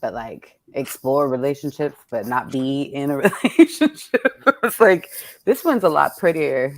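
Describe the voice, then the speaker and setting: A poet with a low-pitched voice hosts a casual, reflective interview chat, animated yet a bit slow, often searching for words and rephrasing mid-thought. The recording is dry.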